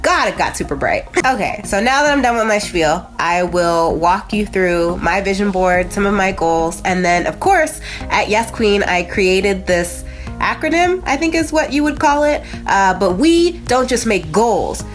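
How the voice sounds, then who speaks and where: An American woman hosts a casual motivational vlog, chatting conversationally and dropping in frequent asides. Her mid-range voice sounds nasal and congested, with lively intonation and a measured pace. Soft music plays in the background.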